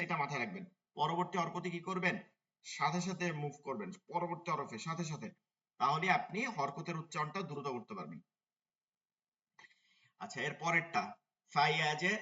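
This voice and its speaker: A man teaching an online Quran reading class, spelling out letters and vowel marks, chanting words slowly and answering his own questions. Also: a little high, expressive, pushed and bright, recorded from a distance, muffled recording. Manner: drills syllables, then chants words slowly in a sing-song; asks the class questions and answers them himself.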